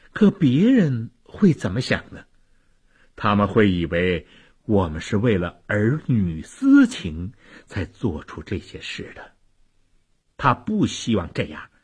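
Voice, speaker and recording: A man telling a historical tale dramatically, swinging from loud declaiming to hushed low asides. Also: husky. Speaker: storyteller.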